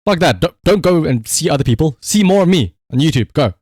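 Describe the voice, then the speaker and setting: A male livestreamer rambles casually to his viewers, swearing freely with playful exasperation. His voice is a little high, a little mellow and expressive, and he talks briskly in a dry, studio-quality recording.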